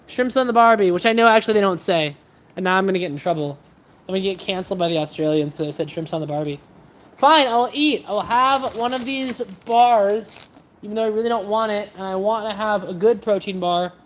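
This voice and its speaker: A woman's voice: medium pitch, a little fast, a little hiss or hum. A woman hosting a casual livestream, chatting with viewers in a scattered, self-interrupting way as she shows her practice swords.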